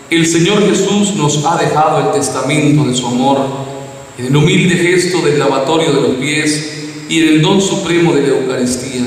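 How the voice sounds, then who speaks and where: A man leading solemn liturgical prayer as a priest, in a cathedral-like echo. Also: a little high. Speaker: priest presiding at Mass. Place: inside a church at a lectern. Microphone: headset microphone. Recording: echoey church, distant, faint noise.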